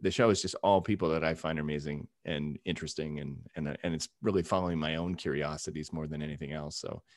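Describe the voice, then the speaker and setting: A man's voice: very deep voice, steady tone, fast talker, no echo. A man hosting a podcast interview, talking enthusiastically and rambling as he tells stories from his home. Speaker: podcast host. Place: home in Hawaii.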